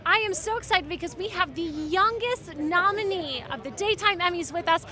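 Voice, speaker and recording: Very high-pitched gushing red carpet hostess. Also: female voice, moderate pace. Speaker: talk show host, red carpet interviewer. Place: outdoors on a city red carpet. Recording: busy outdoor crowd and music behind.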